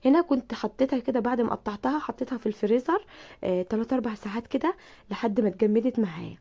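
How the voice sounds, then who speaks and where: A woman with an Egyptian Arabic accent, hoarse from a bad cold, chatting through a cooking tutorial and speaking warmly to her viewers. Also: fairly high pitch, very fast. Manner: chatty, repeats herself, addresses viewers affectionately. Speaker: cooking channel host.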